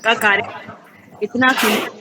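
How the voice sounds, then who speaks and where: A woman's voice: fairly high pitch, fairly even intonation. A woman giving a formal vote of thanks at an online meeting, her words dropping out over a crackling, choppy connection. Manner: halting, words dropping out mid-sentence. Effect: choppy, crackling online audio that keeps cutting out. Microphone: online call connection over wifi. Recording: noisy, breaking-up call audio.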